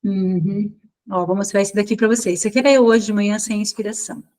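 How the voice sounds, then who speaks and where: A woman's voice: medium pitch, steady tone, fast talker, darkish tone, poor audio. A woman teaching a live online class over a video call, talking informally and correcting herself as she thinks aloud.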